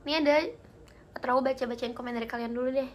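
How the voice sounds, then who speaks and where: A woman's voice: high-pitched, fairly even intonation, quick pace. A young woman hosting a live stream, chatting casually with viewers and telling spooky stories in a giggly way. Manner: chatty and giggly, reads comments aloud.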